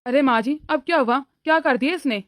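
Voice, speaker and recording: A woman's voice: high-pitched, brisk, soft background music, natural voice. A woman voicing a young husband in a cartoon story who placates his mother and lectures his wife. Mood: placating.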